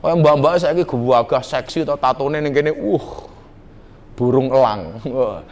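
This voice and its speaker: A man's voice: medium pitch, unhurried, a little mellow. A middle-aged man with a Javanese accent, preaching in a teasing, jokey way to a nightclub crowd. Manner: teasing, jokey, mixes Javanese slang into his talk. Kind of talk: joking sermon to a nightclub crowd. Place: nightclub hall with a live audience.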